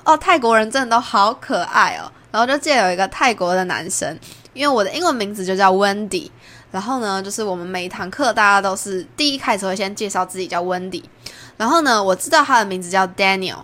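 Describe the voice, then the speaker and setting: Young taiwanese woman podcasting, chatty storytelling, taiwanese mandarin accent, mid-pitched voice. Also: lively intonation, fast talker, fairly bright tone. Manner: chatty, acts out quoted lines with big pitch jumps. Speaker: podcast host. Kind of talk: casual storytelling monologue.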